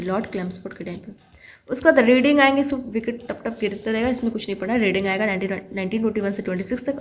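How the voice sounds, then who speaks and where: A woman's voice: fairly high pitch, poor audio. A woman teaching history for exams, repeating key words and asking and answering her own questions. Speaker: exam-prep history teacher. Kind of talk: online lesson with memory tricks.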